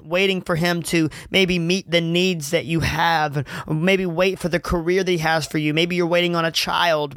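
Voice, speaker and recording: Young male podcast host, higher voice, dry close mic; earnest, rambling, faith-focused chat. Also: a bit bright, no room sound. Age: 20s. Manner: earnest, rambling, many fillers and restarts.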